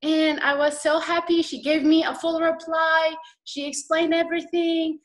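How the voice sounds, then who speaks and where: A woman from Iraq, speaking with an Iraqi accent, shares her personal story as a guest on a video call. She sounds hesitant and slightly nervous, using many fillers, in a very high voice with flat delivery at normal speed.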